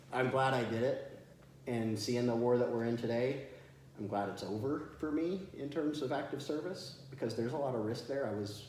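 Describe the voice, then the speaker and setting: A military veteran being interviewed, telling stories in a chatty, good-humored way. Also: male voice, medium pitch, a little mellow. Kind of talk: casual storytelling in an interview. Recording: very echoey room with faint noise.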